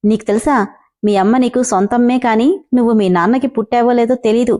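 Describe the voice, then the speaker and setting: Picture a cruel, arrogant village landlord, mocking and sneering, as a woman narrator puts him on with a mellow, somewhat high voice. He jeers with easy contempt in an audio storybook. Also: fairly even intonation, brisk, close to an everyday voice. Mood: sneering taunts. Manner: taunting, sneering.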